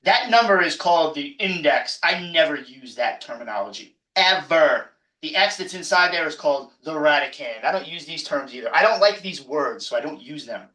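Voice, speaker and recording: A man's voice: a little high, expressive, moderate pace, few pauses, pushed and bright. A man professor giving an exam review lecture, emphatic and jokey, often repeating himself. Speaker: math professor. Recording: echoey room, mic far off.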